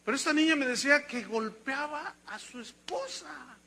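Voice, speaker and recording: Bright-voiced Mexican pastor preaching. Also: male voice, very high voice, moderate pace, creaky, a little hiss or hum. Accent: Mexican Spanish. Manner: conversational, teasing and emphatic preaching. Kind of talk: sermon.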